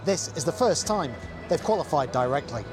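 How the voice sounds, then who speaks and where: A man delivering a field news report in a measured broadcast manner. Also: fairly high pitch, animated, over music.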